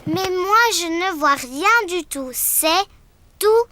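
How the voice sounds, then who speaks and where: A woman's voice: extremely high pitch, takes it slowly, a bit bright, full character voice. A woman voicing Peppa Pig, a cheeky, bossy little girl piglet in a children's cartoon, giggling as she talks. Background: children's cartoon music.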